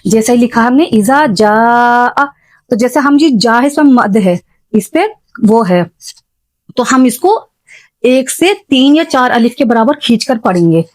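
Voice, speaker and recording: A woman giving a spoken lesson on Quran recitation, patiently explaining and repeating examples slowly. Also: on the high side, expressive, no echo. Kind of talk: spoken religious lesson for beginners.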